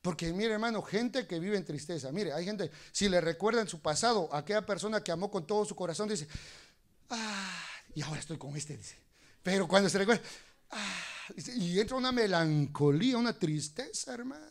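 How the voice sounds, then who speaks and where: A man preaching a sermon in church, animated, moving between soft asides and loud exclamations, sometimes speaking fast. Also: sits high. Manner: talks fast at times.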